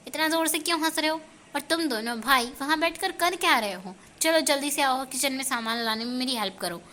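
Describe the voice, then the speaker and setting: A woman's voice: high-pitched, a little fast, sharp tone. A woman playing a bossy scolding mother.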